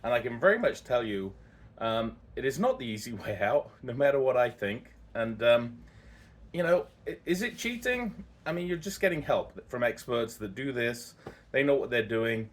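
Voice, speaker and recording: A man's voice: mid-range voice, expressive, normal speed. A man telling his own story casually as a vlogger, candid and rambling, often correcting himself as he goes.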